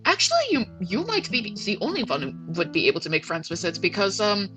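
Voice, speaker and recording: Animated lady playing a tabletop rpg, voice jumps around, bit of music behind. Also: medium pitch, fairly quick. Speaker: player in a tabletop roleplaying game. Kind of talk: animated in-game discussion.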